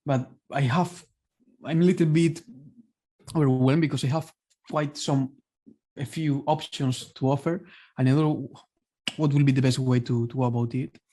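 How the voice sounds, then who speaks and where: A man with a warm, darker voice talks through his options on a video call. He pauses and restarts as he works through his thoughts aloud. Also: mid-range voice, steady tone. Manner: hesitant, thinking aloud. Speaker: coaching client. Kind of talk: asking questions on a call.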